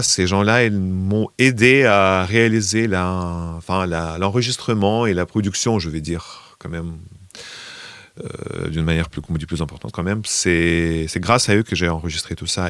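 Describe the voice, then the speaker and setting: A man's voice: sits low, vocal fry, a bit bright, dry recording. A man, a singer, answering interview questions about his album hesitantly, with many fillers and a recurring "comme on dit".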